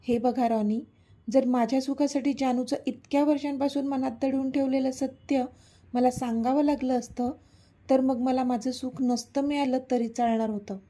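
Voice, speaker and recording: A woman's voice: high-pitched, steady tone, moderate pace, dark tone. A woman voicing an irritated young woman who pushes back defiantly, in a storybook reading. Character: young woman, angry and proud heroine.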